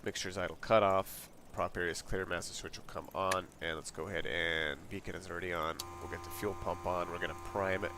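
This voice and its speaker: Reading each checklist item aloud, a congested man casually narrates his way through a flight sim as a streamer, relaxed and rambling. His deep voice moves fairly quickly with few pauses, recorded on a desk mic at home with noticeable noise.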